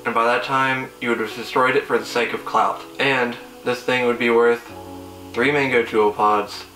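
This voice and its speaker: A man's voice: medium pitch, steady tone, normal speed, pushed and bright. A young man hosting a car video, delivering a casual scripted roast and review in a sarcastic, teasing manner. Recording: roomy echo, distant mic, faint music.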